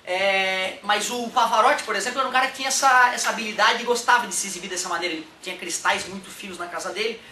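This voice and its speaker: A lively male music teacher explains things in a chatty, animated way, checking in with his listeners often. His voice sits fairly high and bright. It echoes around the room, picked up from a distance, with faint background noise. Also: quick pace, hardly any pauses. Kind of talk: casual explanatory lesson. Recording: roomy echo from a distant mic.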